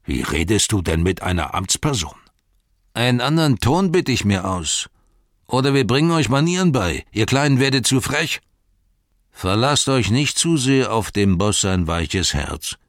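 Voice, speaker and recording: A man's voice: deep voice, big pitch swings, unhurried, hardly any pauses, no echo, studio quality, exaggerated voice. A man doing a sneering brutish ruffian. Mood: threatening. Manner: bullying, menacing, drawls and spits words.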